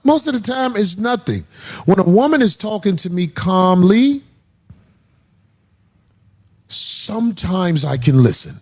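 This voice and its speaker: A man hosting a casual comedic panel talk, animated and profane, slipping into put-on shouts. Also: high voice, measured pace, long pauses. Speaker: host.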